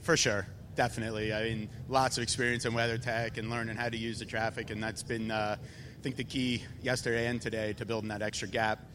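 Upbeat male driver, faint rumble. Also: flat delivery, fairly bright tone. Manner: upbeat, halting. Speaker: race-winning driver. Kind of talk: post-race interview.

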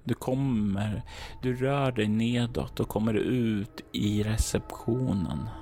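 A man narrating as game master, describing scenes to the player in a calm second-person voice. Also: lowish voice. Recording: faint music behind.

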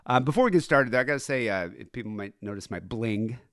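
A man's voice: mid-range voice, animated, quick pace, a bit bright, no room sound, studio quality. A man with a nasal voice hosting a casual, profane, rambling podcast conversation. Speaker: podcast host.

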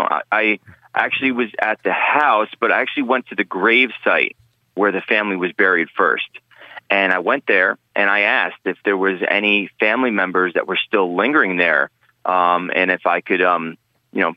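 A man's voice: fairly low pitch, normal speed, no echo, lo-fi sound. A man guesting on a podcast interview, talking earnestly in a rambling way with many restarts. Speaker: guest, paranormal investigator.

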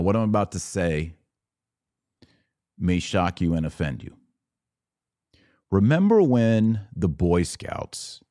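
An American man with a low, darkish voice hosts a podcast, offering informal, opinionated religious commentary. He speaks emphatically and conversationally, with rhetorical asides, in a dry, clean studio recording.

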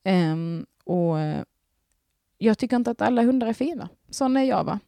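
A woman's voice: medium pitch, animated, creaky, dark tone, dry recording. A young woman, chatting casually as a podcast host, rambling and gushing with lots of fillers and restarts. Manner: giggly, gushing.

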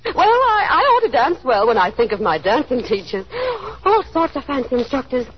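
In a 1930s radio drama, an actress plays a chatty, anxious young small-town woman putting on airs, gushing and affected with nervous little laughs. Her high voice is very animated at normal speed. The recording is dull and hissy, typical of 1930s radio.

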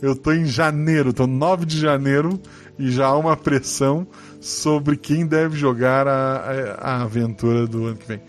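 A man's voice: mid-range voice, fairly even intonation, moderate pace, soft background music. A man with a Brazilian Portuguese accent hosting a podcast, casually joking and swearing while reading listener comments. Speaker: podcast host.

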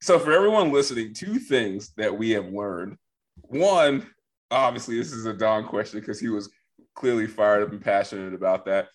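A man's voice: lowish voice, animated, normal speed. A man hosting a sports podcast, moving the segments along in a playful, teasing way. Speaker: podcast host. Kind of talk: casual sports chat.

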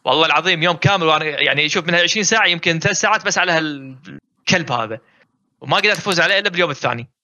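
A Gulf Arabic man with a very bright, forward voice speaks quickly and with animation in casual chat. His voice sits a little high. The recording is dull and lo-fi. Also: no echo. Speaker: guest gamer.

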